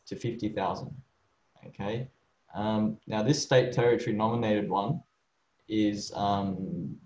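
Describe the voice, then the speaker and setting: A migration agent casually walks through visa rules from slides, often saying "okay" and "um" and restarting his sentences. His fairly low voice is a little mellow. The echoey room sounds slightly dull, with a little hiss or hum.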